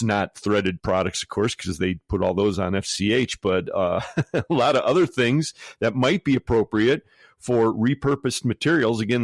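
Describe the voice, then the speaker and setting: Relaxed low-voiced male podcast host. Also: no echo. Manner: relaxed, rambling questions with fillers. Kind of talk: casual podcast interview.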